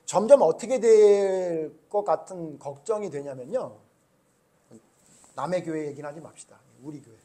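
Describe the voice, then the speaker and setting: A man with a notably high voice preaches a Sunday sermon in a church. He keeps it conversational and often turns to the congregation with questions. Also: moderate pace, dark tone. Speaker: pastor. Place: church sanctuary.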